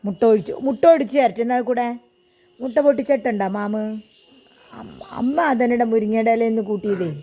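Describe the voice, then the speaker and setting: A woman vlogging at home, talking to her dog in a coaxing, affectionate way and gently scolding it. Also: fairly high pitch. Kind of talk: casual home vlog, baby talk to a pet.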